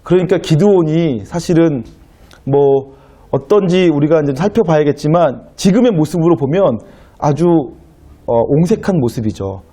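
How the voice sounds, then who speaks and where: A man's voice: a little high, animated, moderate pace, warm tone. A man preaching a sermon as pastor, asking the congregation rhetorical questions and acting out biblical dialogue. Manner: acts out biblical dialogue in quotes.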